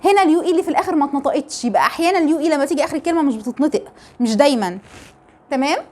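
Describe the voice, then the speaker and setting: High-voiced Egyptian woman teaching pronunciation. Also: expressive, racing, a little mellow. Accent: Egyptian Arabic. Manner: explains step by step with rhetorical questions to the viewer. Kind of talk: phonetics lesson.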